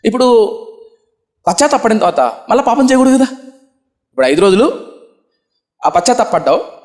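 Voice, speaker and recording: Fast, high-voiced male preacher. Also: big pitch swings. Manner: rhetorical questions answered himself, vivid repetition. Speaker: pastor. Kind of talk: sermon storytelling. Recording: echoey room.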